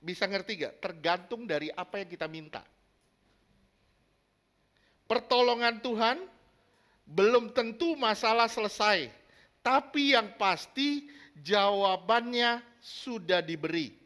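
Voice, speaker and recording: A man's voice: high-pitched, slow pace, pauses often, sharp tone. A man preaching a sermon in an emphatic way, often asking the congregation questions and acting out little everyday scenes. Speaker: pastor.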